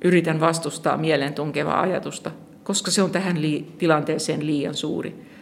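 A narrator reading a first-person literary story aloud in a calm, measured way. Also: medium pitch, gravelly, a little hiss or hum. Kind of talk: scripted audiobook narration of literary fiction.

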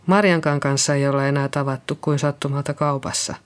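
A reader voicing Liisa, a nervous middle-aged nurse who found a body and speaks in a hesitant, shaky way. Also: female voice, deep voice, steady tone, natural voice. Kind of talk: audiobook reading.

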